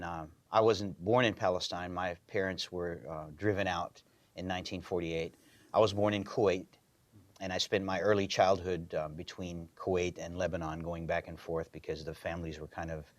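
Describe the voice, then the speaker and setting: A man's voice: low-pitched, a bit bright, dry recording. A man in his fifties, a community activist guest, talking thoughtfully and conversationally in a TV studio interview.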